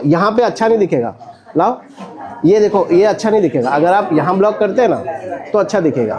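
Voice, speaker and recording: Brief: male acting coach, high animated voice, energetic drill calls in a studio class. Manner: energetic, counts and calls out corrections. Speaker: acting instructor. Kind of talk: coaching a stage-fight drill.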